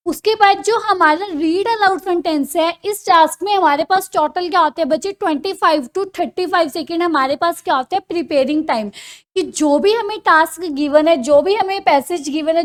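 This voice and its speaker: High-pitched woman teacher, lesson delivery, self-answering questions, addresses students as kids. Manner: asks questions and answers them herself; addresses listeners as children. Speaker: exam coaching teacher. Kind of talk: classroom-style lesson.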